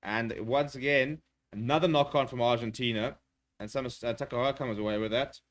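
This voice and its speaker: Guy doing fast live rugby commentary on a watchalong stream, lots of uh's, gets hyped on the big plays. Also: mid-range voice. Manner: rapid, excitable play-by-play with filler words.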